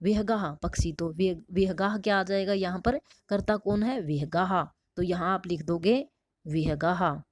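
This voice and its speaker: A woman's voice: on the low side, unhurried, a little mellow, no room sound. Patient woman teacher, dry sound. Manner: patient, asks and answers her own questions. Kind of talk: explaining a textbook lesson.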